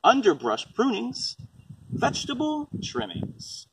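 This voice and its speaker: Speaking slowly in a very high-pitched voice that swoops wildly, with vocal fry, a man reads a storybook to a young child. As a parent, he chats about composting using simple explanations and questions. Faint background noise comes through a distant microphone.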